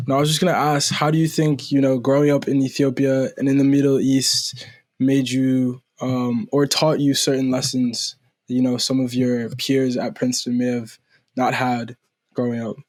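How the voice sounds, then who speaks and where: A male podcast co-host speaks in a casual, easygoing manner. His delivery stays flat and even, with little rise or fall in pitch. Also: moderate pace. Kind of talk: conversational interview.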